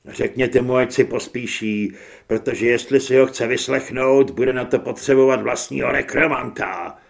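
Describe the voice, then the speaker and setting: A man voicing a furious male monster hunter who shouts threats and swears in an audiobook. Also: mid-range voice, steady tone, vocal fry, close to an everyday voice. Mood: threatening.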